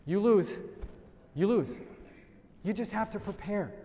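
A man giving a lively sales training talk to a live audience, quizzing the crowd and laughing often. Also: sits high, measured pace. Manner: energetic, asks the crowd questions and laughs. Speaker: real estate sales trainer. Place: event room with audience. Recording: long hall reverb.

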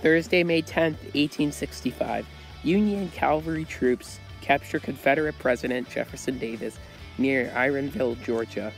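A teenage male narrator reads a scripted history segment with a creaky, mid-pitched voice. Faint music plays underneath. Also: normal speed, poor audio. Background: light background music.

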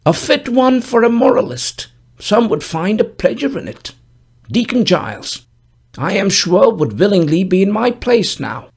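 A man voicing a stern, dry-humored gravedigger of about fifty, speaking in a grave, measured, solemn way in an audiobook. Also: high voice, very animated, vocal fry, breathy edge, voice pushed up, exaggerated voice. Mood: dry, grim. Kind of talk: audiobook character voice.

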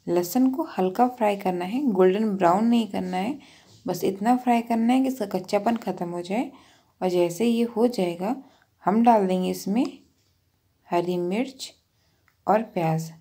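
A woman's voice: medium pitch, normal speed, warm tone, breathy edge. A woman hosting a cooking channel, patiently talking through each step of a recipe in a voice-over with practical tips.

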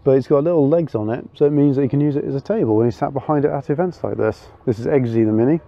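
A man's voice: medium pitch, very fast, creaky, lo-fi sound. Chatty man talking cars outdoors. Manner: chatty, enthusiastic, thinking aloud with fillers. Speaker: car vlogger. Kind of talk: casual walkaround commentary. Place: outdoor car meet on gravel.

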